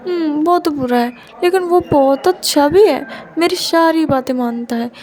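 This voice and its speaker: A woman's voice: sits high, moderate pace, a little mellow, close to an everyday voice. A woman voicing a petulant young man who sulks and stammers through tears. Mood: pouting. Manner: stammering, sulking.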